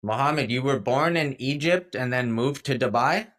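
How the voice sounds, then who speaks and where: A man's voice: medium pitch, moderate pace, fairly bright tone. A man co-hosting an interview, asking short, friendly questions and reacting with encouragement.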